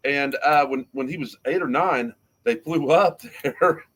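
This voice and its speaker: A man's voice: medium pitch, measured pace, fairly bright tone, low-quality recording. A man hosting a casual sports podcast, rambling through picks and a story while laughing often. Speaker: podcast host.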